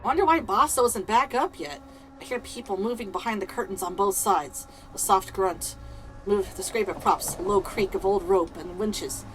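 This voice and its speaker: A woman's voice: mid-range voice, normal speed, slight background noise, rough recording. A woman streamer reading video game dialogue aloud in a theatrical way, switching between character voices. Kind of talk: dramatised read-aloud of a video game's dialogue, voicing the characters.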